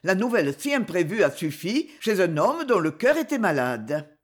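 A man's voice: high-pitched, big pitch swings. A woman reader voicing a cruel, sarcastic aristocratic count who speaks coldly and with menace. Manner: cold, sneering, measured.

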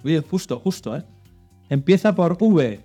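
Man, children's quiz host, slightly high voice, reads clues and drops hints. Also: expressive, unhurried, dark tone, slightly rough, soft background music. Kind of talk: hosting a children's religious quiz show.

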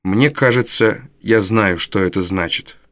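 A man voicing a quiet, grieving orphan boy in a storybook reading, speaking softly and subdued. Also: fairly low pitch, a little slow, no echo, clean studio sound. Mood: hurt. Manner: soft, subdued, hurt.

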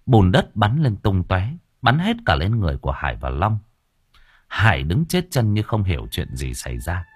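A man narrating a horror story audiobook in an expressive, dramatic way. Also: low voice, husky, no echo.

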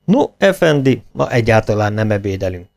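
A man voicing an anxious male servant in a storybook, speaking high and excited. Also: vocal fry, soft background music. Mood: alarmed.

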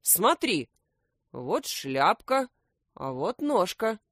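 A cheerful, self-assured animal detective from a children's story, read by a woman. He speaks slowly and surely, with a lively rise and fall in a dry, close sound. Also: medium pitch, no echo, full character voice. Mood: confident. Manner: confident, cheerful.

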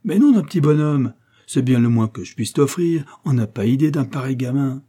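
A man's voice: mid-range voice, lively intonation, normal speed, warm tone, pitched above the performer's own voice, natural voice. A man voicing a hearty, good-natured middle-aged banker who was once a sailor. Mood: jovial.

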